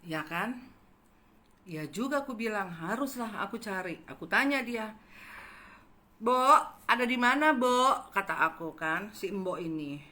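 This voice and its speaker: A woman telling a gossipy story to her viewers, animated and dramatic, acting out the quotes. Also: medium pitch, unhurried. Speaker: channel host telling a story.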